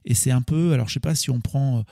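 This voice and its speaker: A man with a gravelly, mellow voice talks through a coaching podcast episode in an easy, explanatory manner. He often corrects himself mid-sentence and the sound is close and dry. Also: medium pitch, fast, no room sound. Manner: casual, explanatory, self-correcting with small laughs. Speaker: podcast host. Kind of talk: solo coaching podcast talk.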